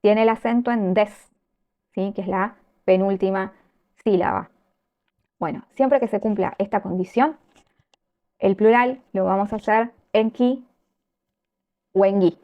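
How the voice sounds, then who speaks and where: A woman teaching an online grammar lesson, patient and methodical, pausing often to check her students follow and slowing down to pronounce example words. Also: mid-range voice, fairly even intonation, lo-fi sound. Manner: patient, explains step by step with frequent check-in questions. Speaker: Italian language teacher.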